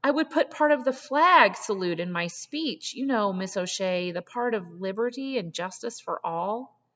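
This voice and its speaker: A woman voicing a shocked, idealistic teenage schoolgirl in a storybook reading, speaking with halting, pleading emotion. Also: on the low side, fairly even intonation, creaky, a bit bright. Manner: halting, then tumbling out emotionally. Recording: muffled, long hall reverb.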